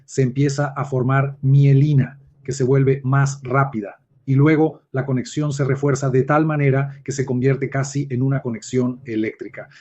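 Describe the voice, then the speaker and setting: A man's voice: mid-range voice, mellow. A man teaching a reflective spoken lesson, speaking directly to the listener in a musing way. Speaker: lecturer.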